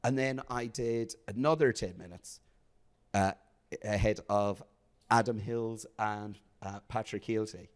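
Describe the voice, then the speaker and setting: A man's voice: fairly low pitch, a little slow. South African man telling comedy stories. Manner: storytelling, laughing often, animated. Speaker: comedian guest. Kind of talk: casual podcast chat.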